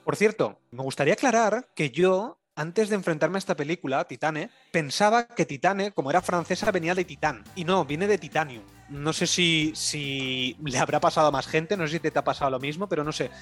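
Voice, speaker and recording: A man chats on a casual film podcast in a fairly high voice. He talks hesitantly, as if thinking aloud, with soft music faintly behind him. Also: fairly quick, few pauses. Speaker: podcast co-host.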